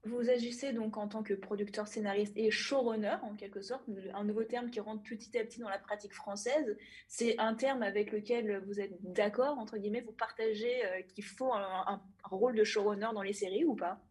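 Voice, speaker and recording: A woman interviewing a series creator, asking measured questions. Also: medium pitch, steady tone, darkish tone, husky.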